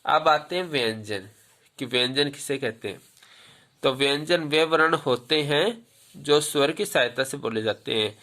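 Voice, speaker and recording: A man's voice: mid-range voice, measured pace, sharp tone. A man teaching Hindi grammar, asking his pupils questions, answering them himself and repeating the key points. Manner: tells pupils to remember. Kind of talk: classroom lesson with questions to pupils.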